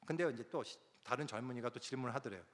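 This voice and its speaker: A man's voice: mid-range voice, very fast. A man preaching a sermon as a pastor, telling a story and acting out the prayers and words of the people in it. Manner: animated, acts out quoted prayers and dialogue. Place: large church sanctuary. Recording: long hall reverb.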